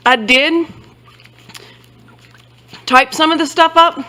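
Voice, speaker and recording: Higher-voiced woman rambling casually bout her book stuff, keeps correcting herself. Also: fairly even intonation, slow, pushed and bright, poor audio. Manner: rambling, self-correcting, loose and chatty. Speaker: book vlogger. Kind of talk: casual show-and-tell.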